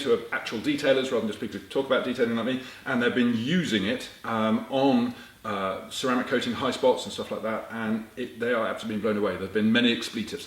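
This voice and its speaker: Quick, wry host in an echoey room. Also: male voice, mid-range voice. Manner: chatty and wry, with restarts. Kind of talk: casual interview chat. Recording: roomy echo.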